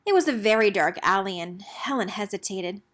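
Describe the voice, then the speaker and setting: A woman reads a children's picture book aloud with expressive storytelling, her mid-range voice at a moderate pace.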